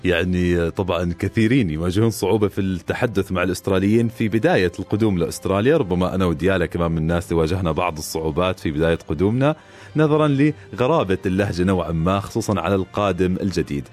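A man's voice: deep voice, faint music behind. A man co-hosting a podcast, chatting casually and bantering with his co-host. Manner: fast, relaxed banter. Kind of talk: casual chat.

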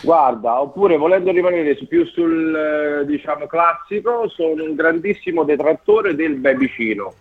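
A man calling in to a talk show over a landline phone, telling his complaints in a wry, measured way. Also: fairly high pitch, expressive. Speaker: caller. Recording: dull phone line.

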